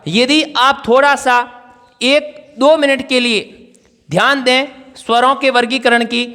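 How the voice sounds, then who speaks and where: A man's voice: extremely high pitch, fairly even intonation, slow, bright, forceful tone, clear, resonant tone, in a large hall. A male teacher giving an exam-prep grammar lesson, asking questions and answering them himself as he writes on a board. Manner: writes on a board while explaining.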